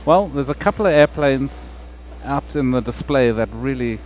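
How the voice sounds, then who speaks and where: Male guest from South Africa, casual and halting, outdoor airfield recording, light background noise. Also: mid-range voice. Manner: relaxed, hesitant, many fillers. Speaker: guest, paint scheme designer. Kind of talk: casual outdoor podcast chat. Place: outdoor airfield deck near runway.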